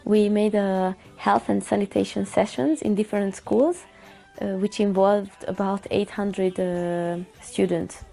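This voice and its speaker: A woman's voice: mid-range voice, fairly even intonation, a little slow, creaky, warm tone, soft background music. A woman in her twenties from Hungary, a volunteer doctor, recounting her fieldwork in an earnest, matter-of-fact way with some hesitations. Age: 20s. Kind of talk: interview testimonial.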